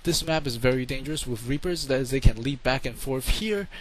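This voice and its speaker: A man's voice: mid-range voice, fairly quick, rough recording. A man giving casual, rambling play-by-play commentary on a strategy game into a home microphone, often repeating words for emphasis.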